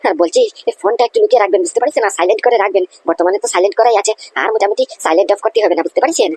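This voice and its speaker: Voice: medium pitch, sing-song, rapid-fire, darkish tone, breathy edge. A performer voicing a hesitant, fawning young man in a cartoon comedy, hinting that he needs money. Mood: wheedling. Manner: hesitant, fawning, filler-heavy. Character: wheedling young male sidekick asking for money.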